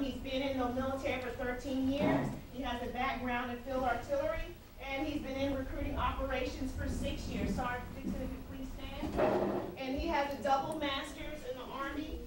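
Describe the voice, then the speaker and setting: A woman with a high voice makes event introductions as host. She is picked up from a distance in a very echoey, noisy room. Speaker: host introducing army recruiters.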